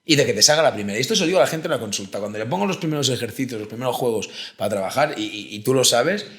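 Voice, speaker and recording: A man, co-hosting a casual talk show and telling stories with lively acted-out quotes. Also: medium pitch, racing, echoey room. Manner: animated storyteller, acts out quoted voices. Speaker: podcast co-host, therapist. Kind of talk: casual conversation.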